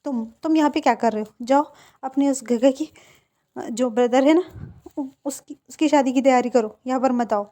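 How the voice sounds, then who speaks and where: A woman's voice: high-pitched, a little fast, dark tone. A woman voicing an emotional, stubborn young male groom who stammers through indignant outbursts in a storybook reading. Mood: angry.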